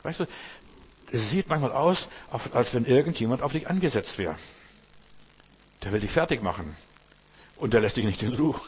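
Husky-voiced German man preaching. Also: medium pitch, animated, normal speed, pauses often. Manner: pastoral, addresses listener directly with rhetorical questions; acts out quoted voices of troubled believers. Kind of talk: sermon.

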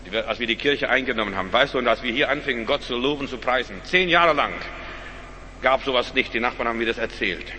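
A man preaching a sermon in a church, calling out loudly at times and then dropping to quiet, low asides. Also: quick pace, in a large hall, a little hiss or hum. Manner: emphatic preaching, swinging between loud rising calls and quiet low asides. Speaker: pastor.

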